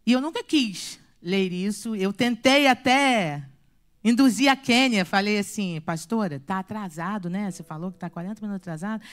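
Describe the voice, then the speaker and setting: A woman in her thirties from Brazil giving a church testimony, telling her story with animated storytelling and acting out the dialogue. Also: mid-range voice. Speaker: guest speaker giving a testimony.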